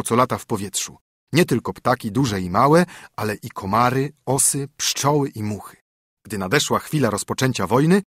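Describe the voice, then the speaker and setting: A man reads a fairy tale aloud, his voice lively and swinging up and down. The tone is slightly husky. The recording is dry and close. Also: medium pitch, dry recording. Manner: expressive, storytelling. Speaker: audiobook narrator. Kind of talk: scripted fairy-tale narration.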